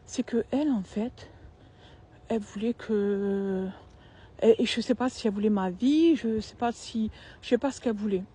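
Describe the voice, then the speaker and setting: A woman's voice: medium pitch, moderate pace, warm tone, husky. A young woman, telling a personal story in a casual, slangy, emphatic and repetitive way.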